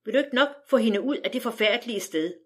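A woman's voice: fairly high pitch, lively intonation, husky. A woman voicing a tearful, pleading mother. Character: distraught weeping 1910s mother.

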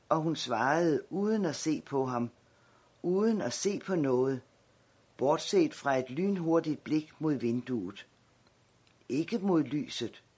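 A man narrating an audiobook, calm and measured. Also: fairly high pitch, slightly rough.

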